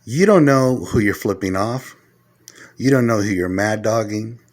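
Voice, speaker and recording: A man's voice: on the low side, expressive, a little slow. Earnest middle-aged man giving advice. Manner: earnest, lecturing, numbers his points; grows loud and heated when retelling arguments. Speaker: vlogger giving life advice. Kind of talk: casual monologue to camera.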